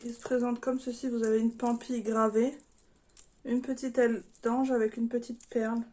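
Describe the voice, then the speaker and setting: A woman's voice: on the high side, little pitch movement, normal speed, warm tone. A French woman chatting casually in an unboxing vlog, hesitant and full of fillers, apologizing now and then. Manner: chatty, hesitant with many fillers, self-deprecating. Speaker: vlogger.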